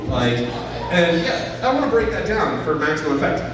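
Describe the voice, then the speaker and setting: A man's voice: fairly high pitch, sing-song, moderate pace, a crowd in the background. A man in his thirties doing an open-mic stand-up set into a handheld mic, rambling with lots of fillers and self-deprecation. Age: 30s. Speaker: stand-up comedian. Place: small venue with a stage and audience. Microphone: handheld mic, filmed from a far camera. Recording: echoey room from a far camera.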